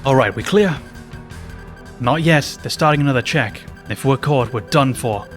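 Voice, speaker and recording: A man's voice: medium pitch, moderate pace, soft background music, close to an everyday voice. A man reading a brusque, commanding male rebel leader from a video game in his own voice.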